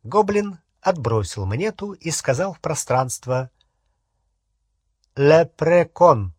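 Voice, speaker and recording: Male audiobook reader, husky, measured, dry close sound. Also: medium pitch, expressive, dry recording. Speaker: audiobook narrator. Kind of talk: audiobook narration.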